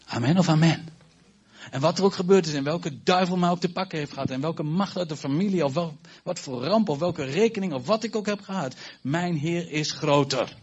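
A man's voice: a little high, brisk, slightly rough, highs cut off. A man preaching a sermon to his congregation, emphatic and repetitive, with stumbles and asides to the listeners. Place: church congregation.

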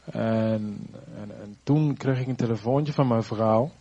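A man giving a personal faith testimony, halting and searching for words, earnest and reflective. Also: mid-range voice, mellow, husky, muffled recording.

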